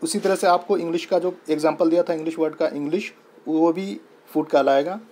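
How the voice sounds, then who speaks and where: A man's voice: on the high side, steady tone, a little fast, a little mellow, breathy edge. A young man with an Indian accent teaching a lesson, patient and repetitive, spelling words out letter by letter. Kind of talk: explaining lesson in Hindi-English mix.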